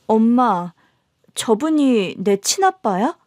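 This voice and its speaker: A woman's voice: on the high side, animated, takes it slowly, a little mellow, dry recording, clean studio sound. Woman voicing a young prosecutor daughter. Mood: astonished.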